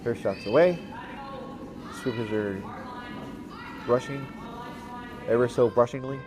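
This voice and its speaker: A man calling a curling game as commentator, relaxed and halting, with lots of fillers and restarts and the odd dry aside. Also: mid-range voice, crowd noise. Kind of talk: play-by-play commentary.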